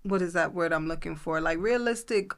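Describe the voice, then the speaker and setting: A woman with a New York accent co-hosting a podcast, talking in an animated, emphatic way. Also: fairly low pitch, brisk. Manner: animated, emphatic, breaks into laughter. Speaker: podcast co-host. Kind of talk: casual chat.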